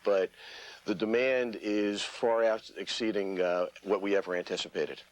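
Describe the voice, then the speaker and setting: A man's voice: on the low side, steady tone, normal speed, no room sound, rough recording. A man giving an interview soundbite as a company executive.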